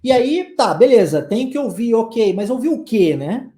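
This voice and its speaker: A man's voice: extremely high pitch, sing-song, normal speed, mellow, reverberant. A man from Brazil, an English teacher, giving a chatty online lesson and having listeners repeat phrases.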